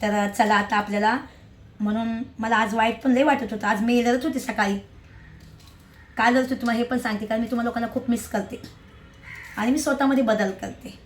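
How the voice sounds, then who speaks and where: Chatty woman vlogging, fairly high voice. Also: fairly even intonation, a little fast, long pauses. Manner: chatty, emphatic, asks viewers for agreement. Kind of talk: casual rambling vlog to viewers.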